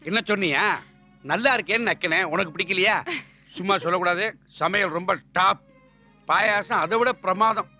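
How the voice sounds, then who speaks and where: A man's voice: sits high, moderate pace, bright, forceful tone, faint music behind, exaggerated voice. Old grumbling grandfather. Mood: teasing.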